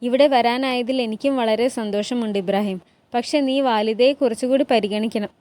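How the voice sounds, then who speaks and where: A woman voicing a commanding male sultan in a recap of a historical TV drama, giving his lines in a measured, gently authoritative way. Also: fairly high pitch, close to an everyday voice. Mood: calm.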